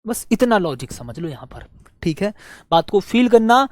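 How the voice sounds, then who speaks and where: A male teacher giving a physics lesson, repeating phrases slowly so students can write them down. He asks questions and answers them himself, and keeps coaxing the students as dear friends. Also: high voice, very animated, darkish tone, no echo. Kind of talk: physics lesson with dictated notes.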